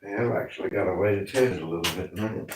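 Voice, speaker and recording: A man's voice: deep voice, fast, noisy background. Man with a thick Appalachian accent, echoey room. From Northeast Tennessee, USA. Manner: folksy, informal rural grammar. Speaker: livestream host and woodworking maker. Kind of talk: casual livestream chat. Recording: roomy, echoey indoor sound.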